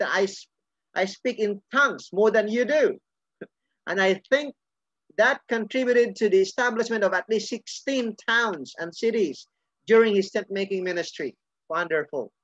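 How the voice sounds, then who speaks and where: A middle-aged pastor with a fairly high-pitched voice preaches a sermon earnestly, frequently restarting and repeating phrases. The recording is dry, with a dull lo-fi sound.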